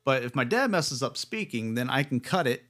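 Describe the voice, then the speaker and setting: A man's voice: mid-range voice, sing-song, brisk, fairly bright tone. A man hosting a casual livestream equipment test, rambling and chuckling as he corrects himself. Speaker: livestream host.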